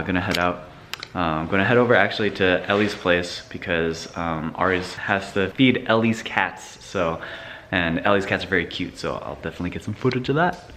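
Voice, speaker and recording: A man's voice: low voice, fairly bright tone, a little hiss or hum. A young man chatting casually in a daily vlog, laid-back and rambling, with lots of fillers. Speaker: vlogger.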